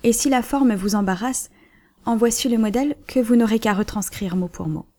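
A woman reading the part of a cool, dignified banker's wife who schemes calmly. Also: a little high, moderate pace, natural voice. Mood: composed.

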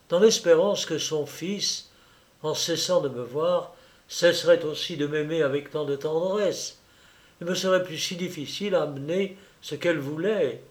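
A man narrating a classic novel as an audiobook, his voice sitting a bit higher than most men's. He reads in a steady, measured way, shaping long old-fashioned sentences with care. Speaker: audiobook reader. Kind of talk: scripted literary narration.

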